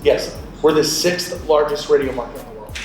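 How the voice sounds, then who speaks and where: A guest speaker who works as a radio programmer, a man in his late thirties, gives a group an informal, conversational how-to talk and checks in now and then with short questions. His voice is on the high side at normal speed, with soft background music. The recording comes from a distant mic in an echoey room with loud background noise.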